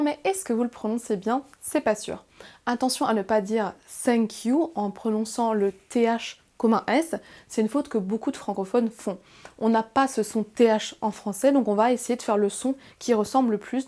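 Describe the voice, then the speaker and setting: A young French woman teaching a beginner English lesson, who slows down and spells out each English phrase with careful, deliberate pronunciation. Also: a little high, dark tone.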